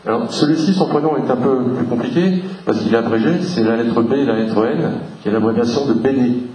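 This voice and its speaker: A man gives a public history talk in a hall, taking his time and spelling out letters from his slides. He sounds far from the microphone, and the room echoes around him. His voice sits at an ordinary middle pitch for a man. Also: warm tone, a little hiss or hum. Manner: unhurried, explanatory, spells out letters for the audience. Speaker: local history lecturer. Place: hall with a live audience.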